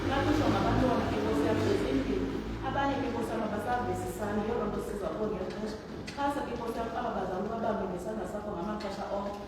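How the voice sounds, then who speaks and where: A woman with a Xhosa accent leads a fervent extempore prayer. She races through short phrases full of repeated invocations. The recording is distant, with heavy hall echo and background noise. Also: a little high. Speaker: person leading congregational prayer. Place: church hall. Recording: distant, very echoey noisy hall.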